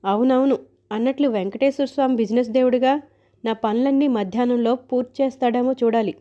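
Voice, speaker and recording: A woman's voice: on the high side, steady tone, a little fast, mellow, natural voice. A woman reading a story aloud, voicing a breezy, teasing grown son who talks back to his mother. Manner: teasing, offhand. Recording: dull lo-fi recording.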